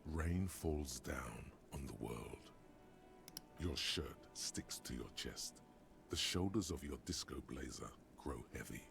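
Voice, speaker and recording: A man voicing a brooding inner narrator in a video game, speaking in a slow, measured way over game music. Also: full character voice. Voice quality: deep, gravelly, measured. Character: grave male narrator, the hero's inner voice.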